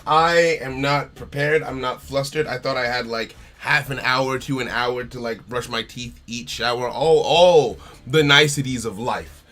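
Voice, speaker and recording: A man's voice: medium pitch, measured pace, bright, forceful tone. A man streaming a card game live, chatting casually and greeting viewers by name while repeating his phrases.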